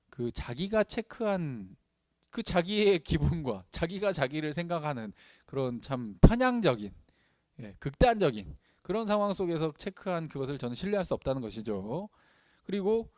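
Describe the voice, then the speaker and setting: Animated preaching man, lively pitch. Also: no room sound, clean studio sound. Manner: animated, acts out quoted lines in varied voices, chatty asides. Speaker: pastor. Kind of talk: sermon.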